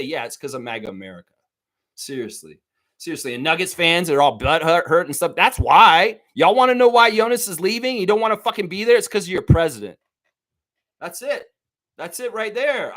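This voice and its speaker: Hosting a live sports talk stream, a man with a high, fairly bright voice rants heatedly and repetitively, swearing heavily. He speaks directly to his viewers throughout.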